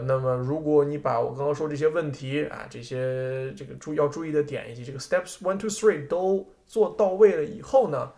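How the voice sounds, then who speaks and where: A man teaching an online test-prep lesson in a relaxed, chatty way, switching between Chinese and English mid-sentence. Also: mid-range voice, vocal fry. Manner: relaxed, chatty, with frequent fillers.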